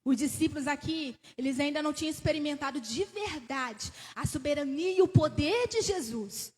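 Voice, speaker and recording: Animated high-voiced woman preaching in a reverberant church. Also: moderate pace. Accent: Brazilian Portuguese. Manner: animated storytelling, rising excitedly, asking the congregation questions; laughs between phrases. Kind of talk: sermon. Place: church sanctuary. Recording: church hall with long reverb.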